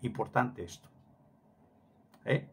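A man's voice: medium pitch, slow, vocal fry, slightly rough. A middle-aged man preaching a sermon emphatically, repeating phrases for stress and dropping Hebrew words into his talk.

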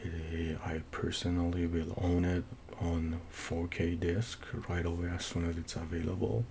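A middle-aged man from Iran with a thick Persian, Middle Eastern accent, giving a casual movie review in a halting way, searching for words. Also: flat delivery, creaky, dark tone. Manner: halting, searching for words with repeated false starts. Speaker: film reviewer. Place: small home office, indoors. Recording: noisy room recording with low rumble.

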